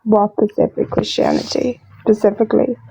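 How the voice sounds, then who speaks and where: A woman's voice: mid-range voice, flat delivery, normal speed, creaky, mellow, husky. An Irish woman in a casual live debate, her voice muffled as if heard through a wall, asking pointed questions. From Ireland. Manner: pointed, questioning, picks at terms. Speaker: participant in a live online debate.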